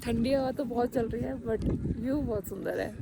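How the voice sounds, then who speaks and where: A chatty young woman with a fairly high voice, filming herself on a windy mountain top with her phone. She talks in a quick, upbeat way and jokes with her trekking friends. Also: creaky. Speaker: travel vlogger. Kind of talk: casual vlog narration outdoors. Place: windy mountain summit outdoors. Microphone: handheld phone camera.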